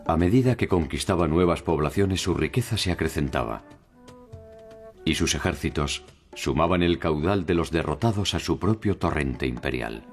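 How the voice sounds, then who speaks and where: A man giving slow, solemn scripted narration for a documentary. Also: a bass voice, lively intonation. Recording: music under narration.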